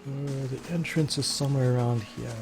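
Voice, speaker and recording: A man's voice: medium pitch, steady tone, normal speed, over music. A man casually commentating his own gameplay, rambling and thinking aloud. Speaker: let's play host.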